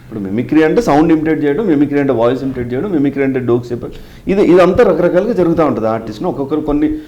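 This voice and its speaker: A man's voice: fairly high pitch, animated, very fast, mellow, low-quality recording. A middle-aged man, a mimicry artist, answering interview questions and telling stories from his career while slipping English phrases into his talk. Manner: explanatory, mixes in English phrases.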